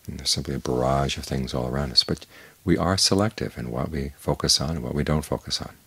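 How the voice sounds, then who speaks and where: An older man, a Buddhist monk, giving a calm, measured evening Dhamma talk with unhurried pauses and a husky voice. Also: extremely low pitch, dry recording.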